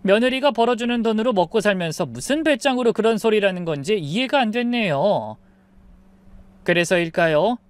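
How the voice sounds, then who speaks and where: A woman telling a first-person true-life story in a calm, confiding way. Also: medium pitch, moderate pace, smooth, no echo.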